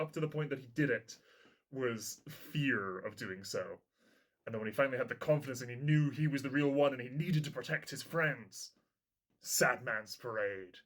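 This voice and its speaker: A man hosting a reaction video, chatting casually as he watches and thinking aloud, sometimes breaking into loud excited shouts. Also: medium pitch. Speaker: reaction channel host.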